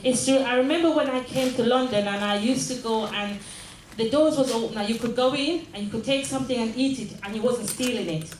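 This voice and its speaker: Older woman from Jamaica, mayor speaking to a crowd, higher voice, earnest and repetitive, echoey room. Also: brisk, hardly any pauses, slight background noise. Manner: earnest, repeats phrases, checks in with the audience. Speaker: mayor giving a closing speech. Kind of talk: community speech. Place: large room at a mayor's office. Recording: echoey room with faint ambience.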